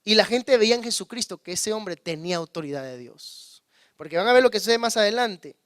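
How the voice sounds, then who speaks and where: High-voiced preaching man, dry sound. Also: animated, a little fast, clean tone, dry recording. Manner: calls on the congregation to repeat words; swings between loud emphasis and hushed low asides. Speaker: pastor. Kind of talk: sermon.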